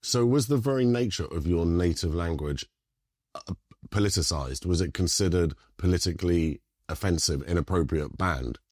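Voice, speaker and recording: A man's voice: sits low, normal speed, a little mellow, dry recording, clean studio sound. A man hosting a podcast, delivering scripted introductions and interview questions. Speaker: podcast host, documentary producer.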